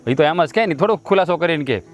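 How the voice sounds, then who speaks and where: A man playing a young farmer son from a village, speaking. He talks fast and outspoken, gripes bluntly and never holds back, and soft music plays behind him. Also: on the high side, animated, lightly acted. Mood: complaining. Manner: brisk, complaining, outspoken. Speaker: son in family drama. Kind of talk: Gujarati village drama dialogue.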